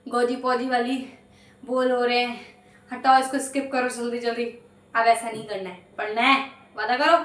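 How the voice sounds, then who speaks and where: A woman's voice: sits high, fairly bright tone. A young woman teaching a maths lesson to students, chatty and coaxing, often asking them to promise to study. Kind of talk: casual online lesson. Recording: echoey room.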